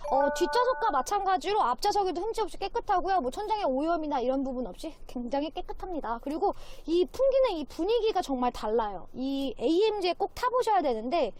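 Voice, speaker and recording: Woman, car dealer, very high voice, lively intonation, polished gushing sales pitch, walkaround presentation. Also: fairly quick, few pauses.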